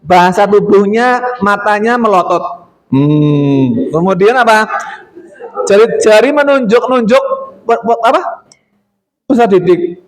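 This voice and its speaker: A man's voice: high-pitched, animated, measured pace, long pauses, rough recording. A middle-aged male teacher, giving an informal training talk to colleagues, chatty with many fillers and acting out quotes.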